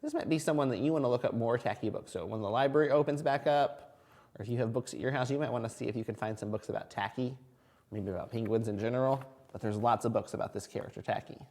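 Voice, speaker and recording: A man's voice: mid-range voice, fast, darkish tone. A man teaching kindergarten reading, reading a picture book aloud expressively as if to a toddler and asking simple questions along the way. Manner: asks the listening children simple questions. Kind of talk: animated picture-book read-aloud for young children.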